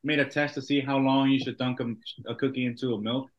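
A man's voice: medium pitch, flat delivery, fast talker. Offhand man with muffled sound. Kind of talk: casual chat.

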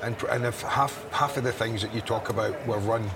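Outdoors amid audible city noise and a crowd in the background, a former broadcaster in his sixties speaks as an interview guest in a lowish voice, a little fast. His storytelling is candid and earnest, and he often repeats words as his thoughts come together.

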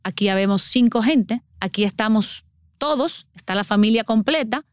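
A woman's voice: a little high, normal speed, clean tone, no room sound, studio quality. A middle-aged woman, earnestly explaining child water safety as a guest on a podcast. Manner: earnest, explanatory, acts out everyday scenes.

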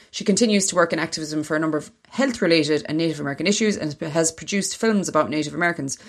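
An Irish woman hosting a podcast, moving between reading prepared notes and casual talk. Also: low voice. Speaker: podcast host.

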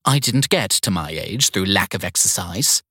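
A man voicing an imperious, sharp-tongued woman of ninety-six in an audiobook, with a husky, lively voice raised well above his own. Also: deep voice, moderate pace, dry recording, clean studio sound, exaggerated voice. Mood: haughty. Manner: haughty, clipped and demanding.

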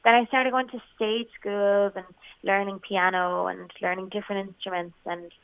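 A woman's voice: medium pitch, little pitch movement, moderate pace, smooth, no echo. A young woman with a west of Ireland Kerry accent, chatting casually as a singer-songwriter being interviewed. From County Kerry, Ireland. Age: young adult. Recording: thin phone-like radio call sound.

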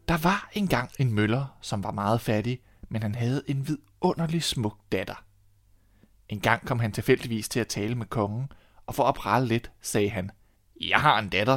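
A Danish man reading a fairy tale aloud in a calm, measured storytelling manner. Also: medium pitch, dry recording.

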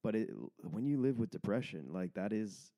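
A man's voice: on the low side, lively intonation, normal speed, warm tone. A man, a comedian guest on a podcast, speaking frankly, laughing easily and acting out little quoted exchanges. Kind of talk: casual conversation.

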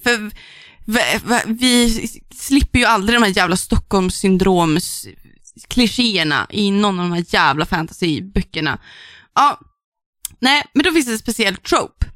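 This young podcast co-host chats casually about books, ranting with exasperation, cursing freely, and breaking into laughter. She speaks at a medium pitch with an expressive, fairly bright tone. The recording is clean studio sound without room sound.

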